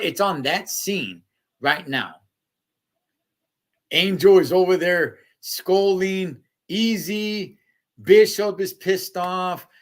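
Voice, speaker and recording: A man, casually recapping a TV episode and chatting with viewers in slangy, animated talk. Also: fairly high pitch, gravelly. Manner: slangy, animated, talks to chat. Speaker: show recap host.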